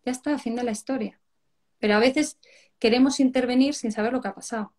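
Woman, from Spain, slightly high voice, parenting educator, live-stream chat, animated storyteller. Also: fairly quick.

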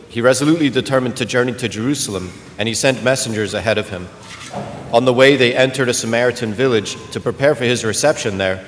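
A man serving as clergyman, reading the gospel and preaching a homily in a large church, his voice carrying a long cathedral-like echo. He speaks earnestly, searching for words and often restarting. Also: mid-range voice. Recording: long church reverb, faint room noise.

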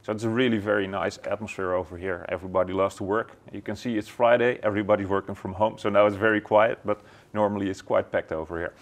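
Talking fast with few pauses, a middle-aged Dutch executive answers questions on a tour of his factory, from the warehouse to a glass-walled office. His lowish voice keeps a fairly even intonation. A native Dutch speaker from the Netherlands, he has a Dutch accent and often uses fillers and restarts.

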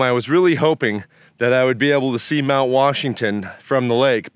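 A man's voice: medium pitch, clear, resonant tone, no echo. Laid-back man rambling outdoors by a lake. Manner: relaxed, rambling, many fillers. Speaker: outdoor photography vlogger. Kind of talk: casual on-location vlog talk.

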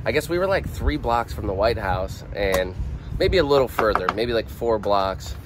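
A man's voice: lowish voice, moderate pace. A man in his thirties chatting casually as a travel vlogger, filming himself on a phone held at arm's length outdoors in a city. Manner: relaxed, chatty storytelling. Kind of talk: casual vlog narration. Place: outdoors in a city park and parking lot. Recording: noisy outdoor street recording. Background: traffic and city ambience.

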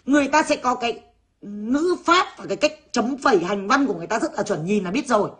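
A woman's voice: a little high, lively intonation, quick pace, fairly bright tone. Brash, swearing woman. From Vietnam. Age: 30s. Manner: blunt, brash, swears freely. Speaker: vlogger. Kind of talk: ranting monologue to viewers.

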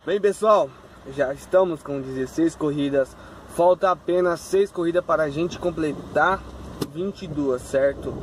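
A young rideshare driver with a voice on the high side vlogs casually to camera from his car, day and night, cheerfully checking in with his viewers. The phone camera on his dashboard picks up faint car and road noise.

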